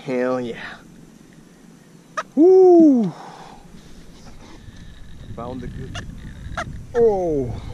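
Excited man whooping over a catch. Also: fairly high pitch, very slow, long pauses, muffled recording, slight background noise. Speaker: kayak angler. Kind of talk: fishing vlog commentary. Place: kayak on a lake outdoors.

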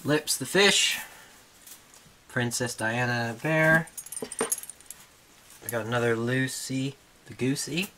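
There is slight background noise as a man casually presents his toy collection at home, chuckling and stopping between items to talk to his dog, easily distracted. He speaks slowly and pauses often, his medium-pitched voice bright and forceful.

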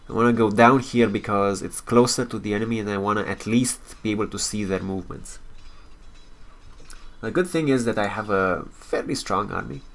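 A man's voice: fairly low pitch, moderate pace, gravelly, a bit bright. A man hosting a let's play, thinking aloud in casual gameplay commentary, swearing freely and laughing at his own mistakes.

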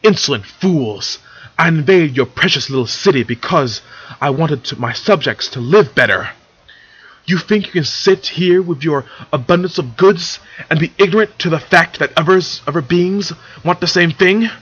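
A man's voice: a little high, normal speed, a bit bright, husky, lo-fi sound, pitched above the performer's own voice. A man voicing a proud, defeated changeling queen in a story reading, ranting with haughty, bitter indignation. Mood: furious, defiant. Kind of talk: dramatic fan fiction reading.

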